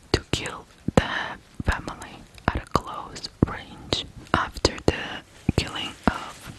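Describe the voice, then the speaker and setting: The audio is rough as a Ukrainian ASMR host recounts true crime, whispering deliberately and breaking the narration into short, paused phrases.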